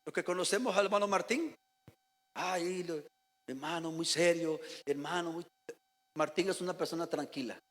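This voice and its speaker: A man's voice: a little high, moderate pace, a bit bright. A male pastor from Costa Rica giving a Sunday sermon, speaking directly to the congregation and asking them to repeat after him. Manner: addresses the congregation directly with questions and calls to repeat. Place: church sanctuary. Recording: church hall reverb.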